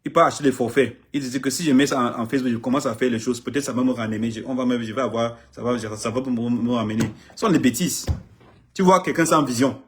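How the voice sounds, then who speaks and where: This is a middle-aged man from Cameroon, an artist manager whose first language is English, addressing a crowd passionately in French with emphatic repetition and frequent stumbles. He has a mid-range voice and a quick pace, with a little hiss or hum in the recording.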